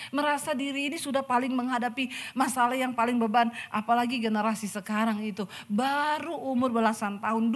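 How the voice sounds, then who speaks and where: A woman pastor with an Indonesian accent preaching a lively sermon to a church congregation, acting out the people in her stories with chatty asides. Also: high voice. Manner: animated, acts out quoted people, chatty asides. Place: church service in front of a congregation.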